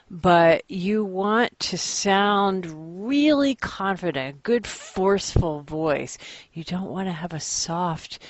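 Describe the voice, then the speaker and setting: Woman instructor, low voice, slow pace, chatty lecture with fillers, dry slightly dull recording. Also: no room sound. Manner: conversational, with frequent fillers.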